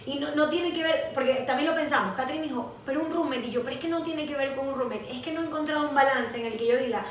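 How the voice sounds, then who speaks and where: Una mujer de unos veinte años con acento venezolano, copresentadora de un pódcast, que cuenta sus vivencias con franqueza y anima sus relatos imitando voces. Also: female voice, high-pitched, fast, heavy reverb, distant mic, slight background noise. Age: 20s. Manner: candid, animated storytelling with acted quotes. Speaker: podcast co-host. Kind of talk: casual chat.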